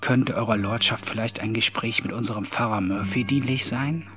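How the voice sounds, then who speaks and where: A man voicing a timid, frightened male tenant farmer, meek and stammering, often hushed to a whisper. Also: lowish voice, moderate pace, music in the background, lightly acted.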